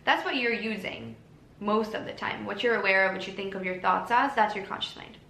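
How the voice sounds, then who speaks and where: A woman hosting a solo podcast, talking calmly and gently in an encouraging way. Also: medium pitch, fairly quick, vocal fry. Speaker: podcast host. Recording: echoey room with faint ambient noise.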